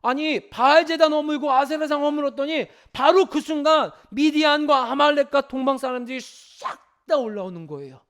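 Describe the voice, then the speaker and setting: A man preaching as pastor, moving from emphatic preaching to soft, pleading prayer and putting questions to the congregation. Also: extremely high pitch, moderate pace, few pauses. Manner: addresses the congregation directly with questions. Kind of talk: sermon. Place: church.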